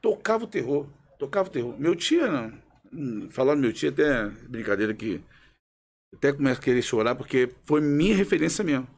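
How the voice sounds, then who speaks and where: A Brazilian man from the Federal District, a singer guesting on a podcast, telling lively anecdotes, laughing as he talks and acting out the people he quotes. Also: mid-range voice, fairly quick, husky. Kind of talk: casual podcast storytelling.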